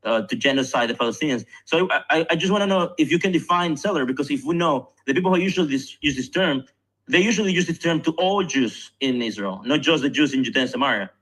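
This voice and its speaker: Halting man asking a question. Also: on the high side, lively intonation, a bit bright, low-quality recording. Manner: halting, hesitant phrasing. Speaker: questioner in an online discussion. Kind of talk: casual questioning.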